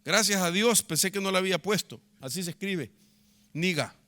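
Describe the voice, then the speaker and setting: Bright-voiced pastor preaching with sharp emphasis. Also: male voice, sits high, brisk. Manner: emphatic, rising and dropping sharply for effect; asks the congregation to repeat words. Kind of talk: sermon.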